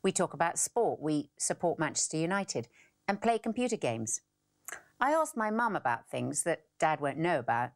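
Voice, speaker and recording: Quote read-in: ten-year-old boy talking fondly of his dad, read by a woman. Low, lively, plain.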